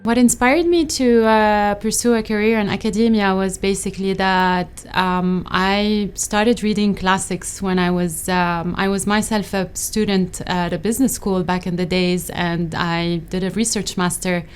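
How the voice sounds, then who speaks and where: A woman's voice: medium pitch, fairly even intonation, measured pace, hardly any pauses. A middle-aged woman from Lebanon, an associate professor, answering interview questions in a thoughtful, hesitant way with many fillers and restarts.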